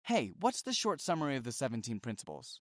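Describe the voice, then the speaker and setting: A man's voice: mid-range voice, huge pitch swings, fast talker, fairly bright tone, no echo, clean studio sound. A man voicing an eager adult reader who asks the author questions in an audiobook, earnest and enthusiastic.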